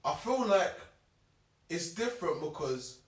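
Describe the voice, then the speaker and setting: A man's voice: on the high side, very animated, unhurried. A young man with a London accent, chatting casually as he reasons through his points and repeats them for emphasis. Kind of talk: casual chat. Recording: echoey room, distant from mic.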